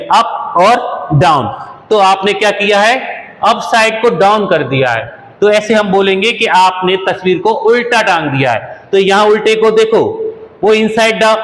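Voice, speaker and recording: A man with a high voice and an Indian English accent teaches English expressions. He reads each English sentence slowly and deliberately, as if dictating. His voice rings in an echoey room with a long reverb tail. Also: fairly bright tone. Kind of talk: spoken English lesson in Hindi.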